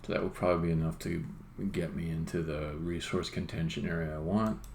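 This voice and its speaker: With a low, darkish voice and a flat, fairly quick delivery, a game developer comments casually during a live-coding stream, muttering brief remarks to himself as he works things out. He's indoors at a computer; the recording has roomy echo, faint background noise and keyboard typing.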